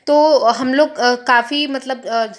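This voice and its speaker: A woman's voice: high-pitched, fairly even intonation, takes it slowly. A young woman vlogging in a chatty, casual way, slipping English words into her talk. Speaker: family vlogger. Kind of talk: casual vlog narration.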